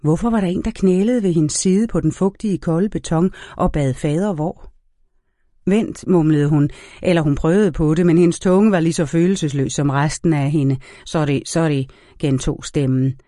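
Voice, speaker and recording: A man reading a novel aloud as an audiobook narrator in a measured, even storytelling manner. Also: a little high, no echo, clean studio sound. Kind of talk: scripted narration.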